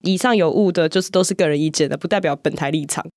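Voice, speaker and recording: A woman's voice: sits low, fast, darkish tone, no echo, studio quality. A young woman co-hosting a casual chat show, joking and sarcastic as she talks. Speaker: podcast co-host.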